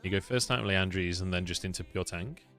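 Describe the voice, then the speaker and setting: Chatty British man, low voice. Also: a little fast, a bit bright, faint music behind. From United Kingdom. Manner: chatty, swears freely, answers chat questions. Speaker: esports caster streaming a costream. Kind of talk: casual stream chat.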